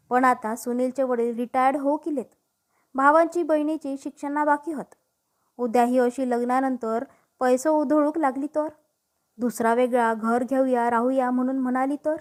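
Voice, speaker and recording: A woman's voice: high-pitched, moderate pace, natural voice. A woman voicing a sly, gossiping middle-aged neighbour who speaks with an insinuating, confiding tone.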